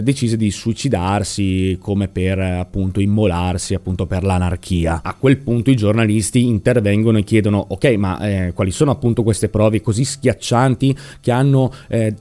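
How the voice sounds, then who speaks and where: A man narrating a true crime case as a monologue, emphatic and animated, checking in with the listener and repeating words for stress. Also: on the low side.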